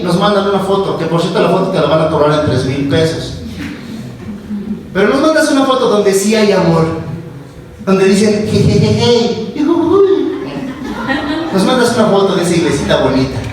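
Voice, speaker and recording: A man preaching a sermon as pastor, mocking whiny voices and building to shouted exhortation. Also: high voice, distant mic, a little hiss or hum. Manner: mimics whiny voices of church members. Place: church sanctuary. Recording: echoey church sanctuary from afar.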